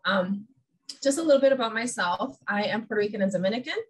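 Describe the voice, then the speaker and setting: A woman from New York presents in an online webinar, upbeat and personal. She speaks over a video call mic at a middle pitch. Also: quick pace, husky, low-quality recording. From New York, USA.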